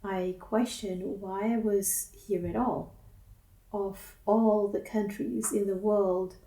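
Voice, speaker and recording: Slow, mellow woman reflecting. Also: medium pitch, fairly even intonation. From Singapore. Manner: gentle, measured, introspective. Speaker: counselor and academic advisor. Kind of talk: reflective personal monologue. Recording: roomy echo, mic at a distance.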